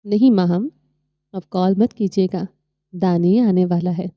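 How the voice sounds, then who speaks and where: A woman voicing a calm, teasing young man lying injured in a hospital in an audio novel. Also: on the low side, no echo, muffled recording, close to an everyday voice. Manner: playful, calm.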